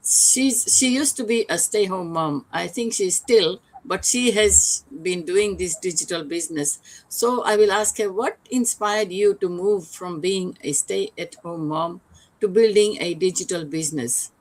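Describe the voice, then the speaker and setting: A woman's voice: mid-range voice, darkish tone, low-quality recording. A woman from Fiji hosting a live online show over a video call, welcoming viewers with some fillers. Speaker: host.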